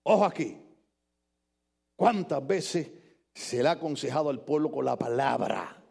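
A man's voice: medium pitch, lively intonation, a little slow, creaky, darkish tone, husky. An older man with a Puerto Rican accent preaching a sermon to his congregation, mixing jokes into emphatic points. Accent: Puerto Rican Spanish. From Puerto Rico. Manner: playful, joking asides between emphatic preaching. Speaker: pastor. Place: church with congregation.

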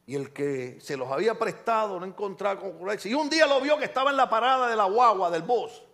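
A man delivers a sermon. He preaches with lively swings between loud outbursts and hushed asides. He acts out the quotes of people in his stories. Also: sits high, fast talker. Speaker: pastor.

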